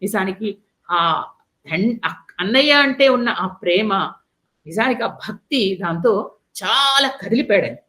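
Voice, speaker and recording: A woman's voice: medium pitch, animated, moderate pace, pauses often, fairly bright tone. A woman storyteller retelling an epic in a chatty way, speaking straight to her listeners and restarting words mid-sentence. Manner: conversational, addresses listeners directly, restarts mid-word.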